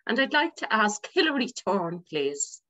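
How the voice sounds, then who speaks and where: A woman running a speaking club meeting as topic master, briskly thanking speakers and calling the next one over a video call. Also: medium pitch, sing-song, pushed and bright. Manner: brisk, cheerful moderating. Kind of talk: meeting moderation. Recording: dull lo-fi video call audio.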